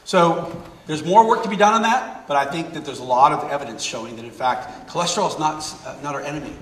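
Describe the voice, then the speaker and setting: A middle-aged man giving a public talk and taking audience questions, energetic and fond of repeating words for emphasis. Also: a little high, fast. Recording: roomy hall, mic at a distance.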